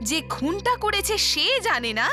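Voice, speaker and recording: An actress playing a defiant, menacing villainess with a sharp, demanding manner in an Indian TV crime drama. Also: female voice, very high-pitched, animated, moderate pace, music in the background. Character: defiant, menacing villainous woman scheming for money.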